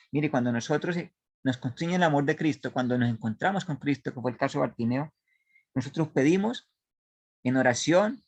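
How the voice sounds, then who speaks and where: Man, Bible study teacher with a fairly high voice, dry close sound, reads scripture and quizzes the class with halting restarts. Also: husky, no room sound.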